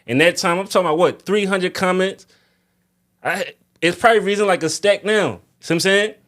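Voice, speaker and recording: A man's voice: sits high, a little fast, fairly bright tone. A man talking casually as a music artist guest, venting in slangy, emphatic speech with phrases repeated for stress.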